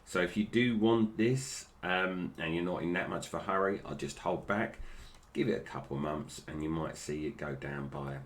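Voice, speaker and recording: A man's voice: deep voice, moderate pace, a little hiss or hum. A British man giving casual, unscripted toy review commentary, with slightly slurred, toothless articulation that stumbles over names.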